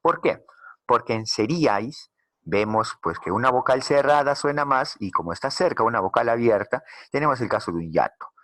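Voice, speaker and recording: A man teaching a recorded slide lesson, patiently explaining and slowly repeating key words. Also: mid-range voice, expressive, fairly bright tone, no echo.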